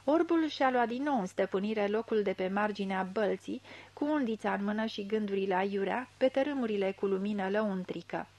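A woman reading a literary novel aloud in a measured, even storytelling manner into a close studio mic. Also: medium pitch. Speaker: audiobook reader. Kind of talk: scripted literary narration.

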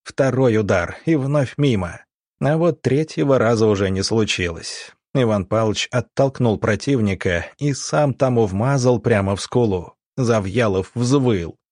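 Husky male audiobook narrator. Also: mid-range voice, measured pace, darkish tone, dry recording, clean studio sound.

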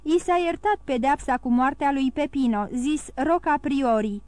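A woman voicing a solemn male leader of a religious brotherhood, proclaiming clearly. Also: high voice, darkish tone, dry recording, natural voice.

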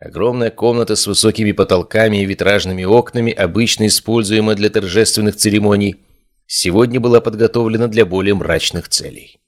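A man narrating a first-person fantasy audiobook in a steady, measured storytelling manner. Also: on the low side.

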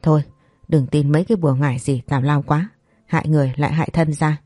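The narrator voicing a calm, dutiful young son who speaks respectfully and reassuringly. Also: mid-range voice, fast talker, dry recording, studio quality, lightly acted. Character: patient, dutiful grown son.

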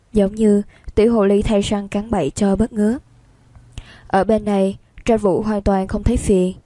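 A woman narrates a romance novel with steady, even storytelling. Her voice is mellow and warm, mid-pitched, and recorded dry and close with no room sound. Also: no room sound.

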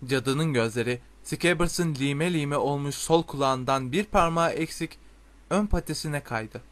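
A man reading a storybook aloud in a steady, expressive way. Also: fairly high pitch, unhurried. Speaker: audiobook narrator. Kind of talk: storybook narration.

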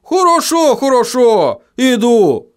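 A stingy dwarf, as a male narrator puts him on, grumbles and mutters with little pauses. The voice is raised a bit above the reader's own, in a clean audiobook recording. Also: very high-pitched, big pitch swings, clean tone, pitched above the performer's own voice, full character voice. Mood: grumbling.

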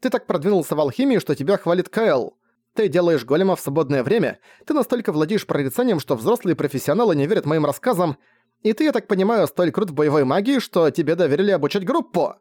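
Guy doing a young woman mage crying and yelling, voice shoots way up high, dry close sound. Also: sing-song, fast, dry recording. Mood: tearful fury. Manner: shouting in anguished outbursts.

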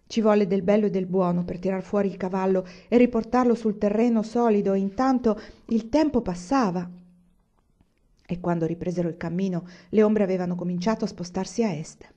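A woman reading a novel aloud in a measured, even narration. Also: mid-range voice, highs cut off. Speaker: audiobook reader.

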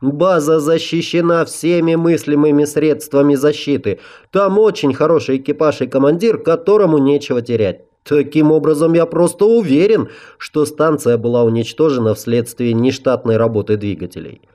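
A man's voice: a little high, normal speed, hardly any pauses, mellow, pitched above the performer's own voice, close to an everyday voice. A man voicing a nervous service chief who anxiously defends his report, in a raised voice. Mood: defensive. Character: head of sanitary service, man, nervously justifying himself.

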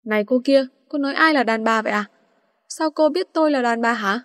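A woman's voice: on the high side, a little fast, no echo, clean studio sound, natural voice. A woman voicing a brash, quarrelsome young man in a storybook reading, with a mocking manner.

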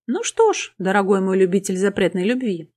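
A woman voicing a male inquisitor whose soft, kindly tone carries quiet menace. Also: on the high side, sing-song, unhurried, exaggerated voice. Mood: sweet. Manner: soft, affectionate, mocking.

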